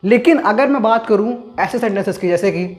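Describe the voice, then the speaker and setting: A man teaching grammar in an online lesson, who asks rhetorical questions and then answers them himself, repeating key terms slowly for emphasis. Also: high voice, soft background music.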